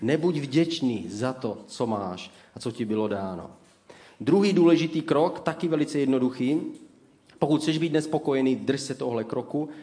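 A man preaches an ironic sermon. He hands out sarcastic mock advice and tells his stories with lively, animated energy. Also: mid-range voice.

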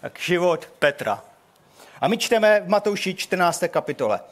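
An older man preaching a sermon in a hall, telling the story in an animated way and acting out the quotes. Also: high voice.

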